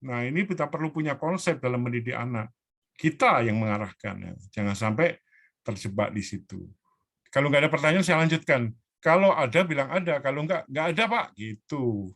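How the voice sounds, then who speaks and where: A man, a pastor teaching a parenting class over a video call, earnest and animated, acting out children's pleas. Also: medium pitch, a little fast.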